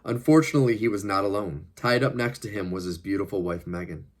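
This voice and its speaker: Deep-voiced man reading his novel. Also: quick pace. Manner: plain narration with casual asides to listeners. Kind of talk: audiobook-style reading.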